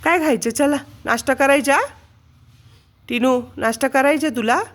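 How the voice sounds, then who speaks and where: A woman's voice: sits high, moderate pace. A woman in a casual home vlog, talking in coaxing baby talk to her pet parrot. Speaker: vlogger.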